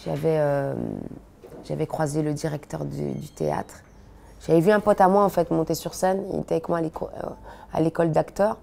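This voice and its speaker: A woman in her thirties, born in Belgium, answering interview questions in a relaxed, chatty way with many fillers and restarts. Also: deep voice, fairly quick, vocal fry. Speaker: interviewee, comedian.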